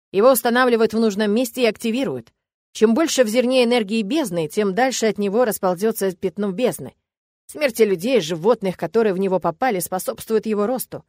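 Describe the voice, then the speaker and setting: A woman's voice: mid-range voice, darkish tone, no echo, studio quality, close to an everyday voice. A woman voicing an older witch who patiently explains things at length in an audiobook.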